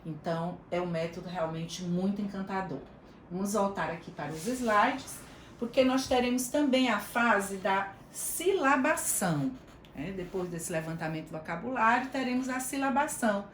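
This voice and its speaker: A Brazilian woman gives an online training lecture over a video call, explaining step by step and calling on listeners by name. Her voice sits at a mid pitch in a roomy, echoing space. A faint hum runs behind her. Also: normal speed. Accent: Brazilian Portuguese. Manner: warm explanatory, chatty asides, addresses listeners by name. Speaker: teacher trainer.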